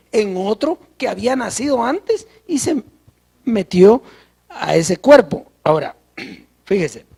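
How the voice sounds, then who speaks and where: Slow, gravelly-voiced preacher. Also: mid-range voice, darkish tone. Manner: slow, deliberate teaching with rhetorical questions. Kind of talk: sermon.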